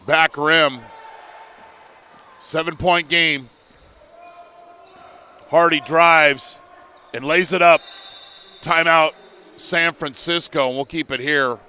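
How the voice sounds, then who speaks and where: A man calling a live college basketball game play by play, in measured, steady calls. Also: fairly high pitch, smooth. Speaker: play-by-play commentator.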